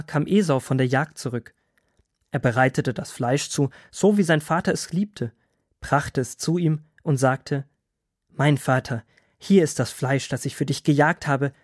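A man narrating a children's Bible story in a calm, expressive storytelling manner. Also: mid-range voice, dry recording, studio quality.

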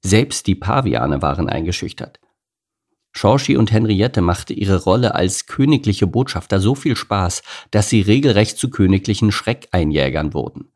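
A man narrating a children's animal story as an audiobook, reading lively and expressively. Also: on the low side, normal speed.

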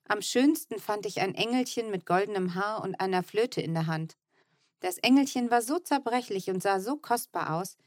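A woman with a mid-range voice narrates a children's book in the first person as an audiobook narrator, telling the story evenly and tenderly. The sound is studio quality with no room sound.

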